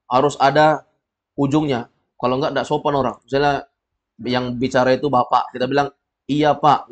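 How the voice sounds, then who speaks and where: A man's voice: mid-range voice, muffled recording. A man leads a language class, drilling his students and quizzing them. He corrects mistakes directly and keeps the lesson moving. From Indonesia. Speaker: Arabic teacher.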